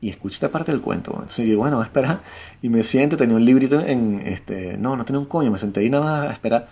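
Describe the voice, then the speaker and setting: A man's voice: medium pitch, very fast. A Venezuelan man with a Venezuelan Spanish accent, telling a casual anecdote to a friend and swearing freely. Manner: animated storyteller, acts out quoted voices, swears freely.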